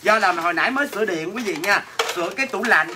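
A brash Southern Vietnamese man talks fast in a high, expressive voice while running a comic livestream sales pitch. Dishes clatter in the background noise as he teases viewers and mockingly answers their comments.

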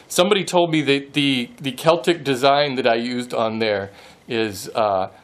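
A man's voice: mid-range voice, a little slow. A man in his forties, a woodworking channel host, chatting casually and laughing often while holding the camera at arm's length in his home wood shop. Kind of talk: casual vlog chat. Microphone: handheld camera at arm's length.

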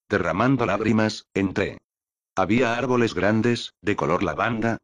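A man with a low, deep voice gives slow, measured audiobook narration. The sound is dry and close, with no room around it, and the reading stays steady and unhurried. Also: no room sound.

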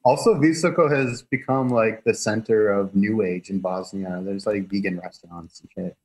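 On a low-quality remote video call, a man whose voice sits on the low side and sounds slightly rough appears as a guest expert. Speaking at an ordinary speed, he walks through history casually with frequent chuckles.

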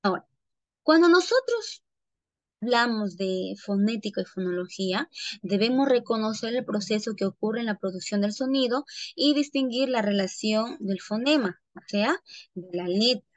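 A woman's voice: a little high, lively intonation, normal speed, no echo. A woman teacher giving an online lesson, often checking in with her students by asking "¿ya?" and calling them "chicos".

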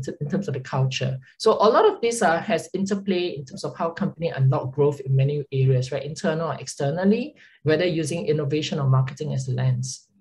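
A consulting partner with a Singaporean accent gives a video call webinar in a deep, a little mellow voice, with a faint hiss or hum in the background. She keeps things chatty, leaning on "um" and tacking "right?" onto her sentences often.

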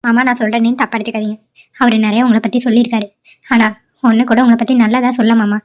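A woman voicing a caring, frank young woman who speaks earnestly and gently scolds, in a cartoon drama. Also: fairly high pitch, level tone, fast, lightly acted.

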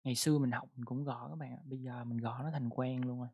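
An English pronunciation teacher in a casual online lesson, who repeats words and reads English example sentences slowly. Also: medium pitch, fairly even intonation, husky, dull audio.

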